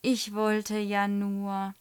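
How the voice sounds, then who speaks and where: A small, sheepish schoolboy from a children's storybook who mumbles his apologies in a hushed voice. A woman reading aloud does him quietly and slowly, close to her own speaking voice. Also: mid-range voice, completely flat delivery, smooth. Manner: quiet and murmuring.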